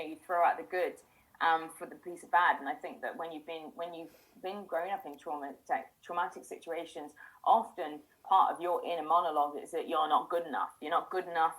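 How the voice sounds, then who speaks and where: A middle-aged woman in casual conversation, speaking in a lowish voice. She is introspective and searching, often circling back and restarting her thoughts aloud. Her talk is candid and self-examining. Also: poor audio. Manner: reflective, self-questioning, frequent restarts. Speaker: host. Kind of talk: casual chat.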